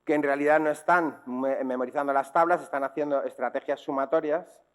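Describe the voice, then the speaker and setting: A man's voice: a little high, fairly even intonation, brisk, clear, resonant tone. A man with a Spanish accent from Spain giving a public talk to teachers and parents, explaining in a didactic way and often checking in with rhetorical questions. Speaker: speaker on dyslexia.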